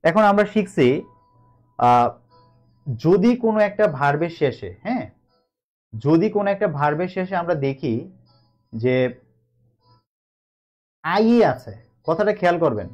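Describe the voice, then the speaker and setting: A man's voice: a little high, lively intonation, a little slow, pauses often, a little mellow, faint music behind. A man with a Bangladeshi Bengali accent teaching an online grammar class, chatty and reassuring. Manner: chatty, reassuring, switches between explaining and coaxing.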